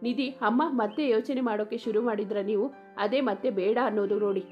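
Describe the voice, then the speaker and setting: A woman's voice: mid-range voice, quick pace, dull audio, soft background music, close to an everyday voice. A woman reading the lines of a shy, devoted young woman in a story, speaking playfully.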